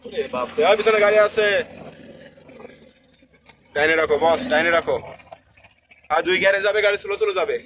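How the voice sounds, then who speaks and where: A man with a very high voice plays a bossy driving instructor, talking fast and repeating his orders. He scolds steadily from the passenger seat, and road noise is clear behind him. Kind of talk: comic driving lesson skit. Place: in a moving car.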